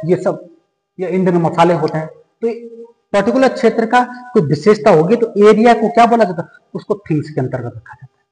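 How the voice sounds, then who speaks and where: A man teaching an English grammar lesson in a high voice, with a long reverb trailing after his words. He puts questions to the class and answers them himself. He says the English example sentences slowly, then explains them at a quicker pace. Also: darkish tone. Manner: moves from slow, drawn-out English examples to quick Hindi explanation.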